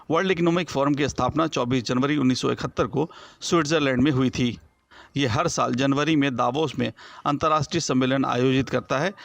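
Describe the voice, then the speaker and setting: A male correspondent reading a scripted news report in a formal, even delivery. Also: mid-range voice, dry recording.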